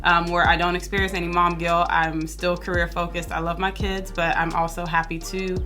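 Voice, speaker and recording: A woman's voice: on the low side, flat delivery, normal speed, bright, forceful tone, soft background music. A woman in her thirties from the southern United States, talking to camera in a chatty, candid and upbeat vlog from her office. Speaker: vlogger and business owner. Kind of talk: casual vlog talk to camera.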